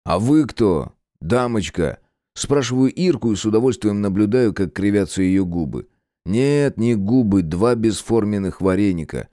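Wry, low-voiced male audiobook narrator. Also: lively intonation, moderate pace, warm tone, dry recording, clean studio sound. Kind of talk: first-person scripted narration.

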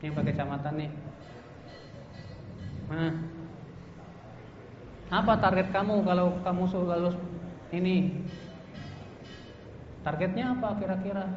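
A man preaches to students in a relaxed, conversational way and asks them questions. His voice sits fairly high. The hall echoes around him, and the sound is slightly dull. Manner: casual, addresses students directly with questions. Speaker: Islamic preacher. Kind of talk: religious study talk to students.

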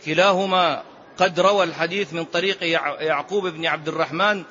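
Brief: male sheikh, high bright voice, explanatory lesson delivery on a dull lo-fi recording. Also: steady tone, fairly quick. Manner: explanatory, asks rhetorical "ha?" of listeners. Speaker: sheikh teaching a hadith book. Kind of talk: classical religious lesson.

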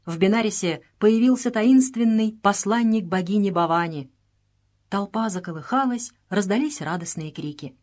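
A woman narrating an adventure novel as an audiobook in a steady, even reading voice. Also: medium pitch, normal speed. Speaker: audiobook reader. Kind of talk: scripted narration.

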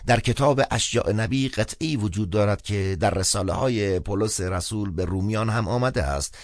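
A man's voice: no room sound, lightly acted. A man voicing a garrulous old male theologian servant who lectures and chuckles slyly, in a dry studio narration. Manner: lecturing, chuckling, speaks with raised pitch.

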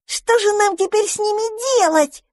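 A woman voicing a young boy mouse, eager and kind, talking in an excited way. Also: very high-pitched, moderate pace, no room sound, studio quality, pitched above the performer's own voice. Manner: excited, bright-eyed.

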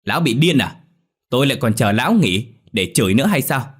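A man voicing an angry middle-aged village father who scolds loudly and fast, in a storybook reading. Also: mid-range voice, very animated, breathy edge, pitched above the performer's own voice. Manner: shouting, rapid scolding.

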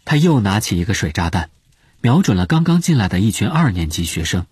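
Low-voiced, animated male audiobook narrator. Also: brisk, very noisy. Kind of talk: expressive scripted storytelling narration.

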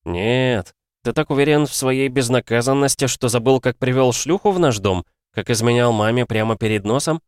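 A man's voice: medium pitch, normal speed, smooth, no echo, pitched above the performer's own voice, lightly acted. A defiant young man confronting his father, his voice lifted and urgent, as a narrator puts him on. The sound is dry and close. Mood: accusing. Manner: accusing, raised and intense.

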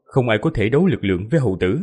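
A male audiobook narrator telling a fantasy battle epic with vivid, emphatic delivery. His voice is husky and slightly breathy, and his pitch swings widely to drive the action. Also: animated, very fast, darkish tone. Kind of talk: dramatic fantasy novel narration.

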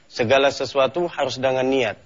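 A man's voice: medium pitch, moderate pace. A man hosting a religious TV program, opening formally and then bantering casually. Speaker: TV program host. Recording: dull lo-fi TV broadcast sound.

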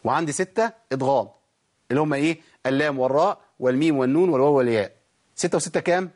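Speaking very fast in a high-ish, darkish voice, this Egyptian-accented man teaches the rules of Quran recitation. In his tajweed lesson he asks questions, supplies the answers himself, and stretches out example sounds.

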